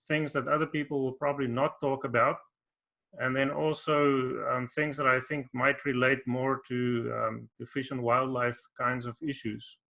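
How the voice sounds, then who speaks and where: A South African man giving an online workshop talk, unhurried and hesitant, with many ums and restarts. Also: mid-range voice, creaky, pushed and bright. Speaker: workshop presenter. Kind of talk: conference presentation.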